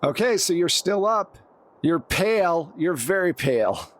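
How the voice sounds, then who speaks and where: A man runs a tabletop roleplaying game as game master, narrating the action in plain second person and calling for rolls in a conversational way. His voice sits high, and he speaks expressively and without hurry.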